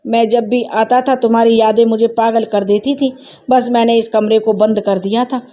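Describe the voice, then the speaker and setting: A woman's voice: on the high side, flat delivery, normal speed, dark tone, lightly acted. A woman reading as a weary dying old husband. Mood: remorseful. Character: elderly dying husband, tired and remorseful.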